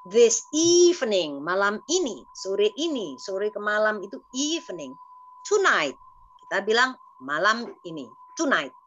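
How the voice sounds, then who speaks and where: A woman's voice: medium pitch, very animated, unhurried, a bit bright, a little hiss or hum. A woman with an Indonesian accent teaching an English lesson over a video call, patiently repeating words for the class to copy.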